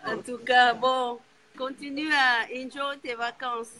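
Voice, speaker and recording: A woman's voice: sits high, flat delivery, takes it slowly. Giggly woman from Burundi on a call. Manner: warm, giggly, stumbling over words. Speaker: caller on a video call. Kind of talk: casual video call chat. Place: at her workplace, hiding. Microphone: phone on a video call.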